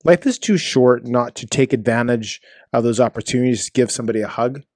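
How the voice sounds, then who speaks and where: A man in his forties talks through a casual podcast chat in an earnest, halting way, often restarting his sentences. His voice sits at an ordinary middle pitch. The sound is dry and close, with no room around it. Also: darkish tone, dry recording. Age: 40s. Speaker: podcast co-host.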